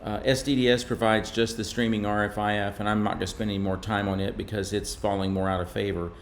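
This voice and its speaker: A presenter from a radio manufacturer, a man with a fairly low voice, explains technical material in a measured, informal way, as if walking through slides. His pitch barely moves, and faint noise sits behind him.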